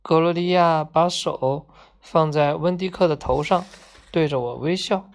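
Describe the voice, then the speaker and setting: Slow, gentle woman storyteller. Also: low voice. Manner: slow, gentle, acts out each character's lines. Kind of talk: reading a children's book aloud.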